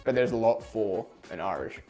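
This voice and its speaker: A man's voice: fairly low pitch, expressive, normal speed, dark tone, soft background music. An Australian man reviewing whiskey in a casual, conversational tasting chat.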